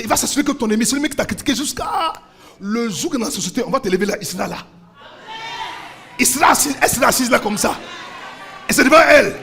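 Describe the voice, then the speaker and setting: A man's voice: very high voice, fairly bright tone. A man preaching a sermon as pastor, with fervent call-and-response and rhythmic repeated refrains. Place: church service.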